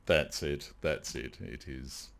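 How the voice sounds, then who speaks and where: A man's voice: very deep voice, slow pace, gravelly. A man from Australia, an audiobook narrator, chatting casually and self-deprecatingly on a live stream.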